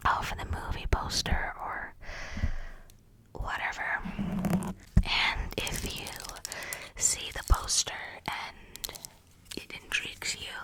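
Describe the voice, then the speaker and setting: A woman speaks in a soft, unvoiced whisper pressed close to the microphone. She talks in an unhurried, drawn-out way, rambling casually and stopping to correct herself mid-thought. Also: rough recording. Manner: rambling, self-correcting, chatty. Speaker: ASMR creator. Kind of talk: whispered ASMR movie recommendations. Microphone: close ASMR microphone.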